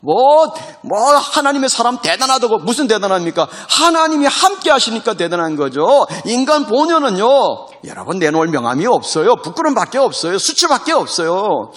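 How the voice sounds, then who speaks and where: A man preaching a sermon as pastor, animated, asking rhetorical questions and acting out the voices he quotes. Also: high-pitched, a little fast, hardly any pauses. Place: recorded for a military online worship service.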